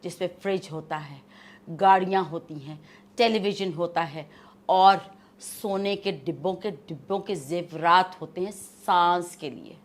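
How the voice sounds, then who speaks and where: Haughty woman playing a stern mother-in-law. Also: fairly low pitch. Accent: Pakistani Urdu. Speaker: guest actress. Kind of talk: comic in-character interview.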